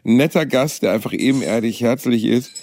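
A man's voice: medium pitch, fairly quick, darkish tone, slight background noise. A man co-hosting a comedy podcast, chatting casually with a dry, ironic, teasing manner. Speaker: podcast co-host. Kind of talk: casual chat.

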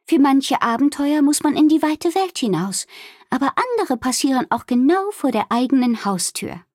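A woman's voice: high voice, sing-song, normal speed, dry recording, studio quality, pitched above the performer's own voice. A woman voicing a worried, motherly innkeeper who talks urgently and emphatically. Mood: thoughtful.

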